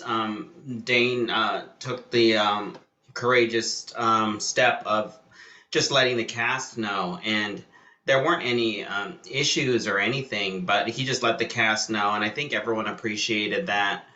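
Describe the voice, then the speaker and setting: A man's voice: fairly low pitch, fairly even intonation, unhurried, echoey room, muffled recording. A man moderating a panel who speaks hesitantly, filling his sentences with "um" as he praises the cast. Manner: warm praise, hesitant, many "um"s. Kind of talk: panel discussion.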